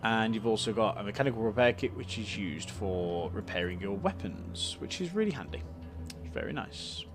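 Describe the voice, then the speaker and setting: A British man hosts a let's play, casually walking through a game's menus and items with lots of ums and uhs. His voice is fairly low and animated at a moderate pace, with music playing in the background.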